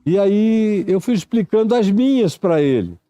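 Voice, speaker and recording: A man in his seventies with a Brazilian Portuguese accent, a preacher telling a reflective story in a sermon, unhurried and reminiscing. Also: sits high, animated, warm tone, no echo, dull audio. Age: 70s. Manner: slow, unhurried, reminiscing, acts out stammering syllables.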